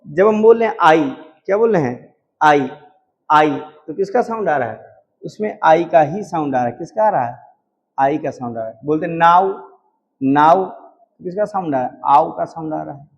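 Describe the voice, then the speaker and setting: A man's voice: on the high side, lively intonation, vocal fry, muffled recording. A man from India teaching a shorthand class. He keeps asking a question and answering it himself, and he stretches out sounds to demonstrate them. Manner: drawn-out repeated sounds for demonstration. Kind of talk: classroom lecture.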